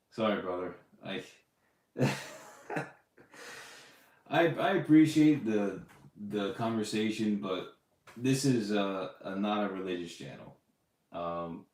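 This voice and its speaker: With a lowish, somewhat mellow voice, a man hosts a relaxed live podcast, taking questions and rambling through fillers and restarts. The recording carries a roomy echo.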